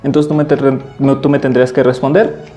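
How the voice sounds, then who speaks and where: A man with a mellow, relaxed voice teaches English, explaining in Spanish and repeating each example phrase slowly and clearly. Faint music plays softly behind him. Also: mid-range voice. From Mexico. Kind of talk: English lesson taught in Spanish.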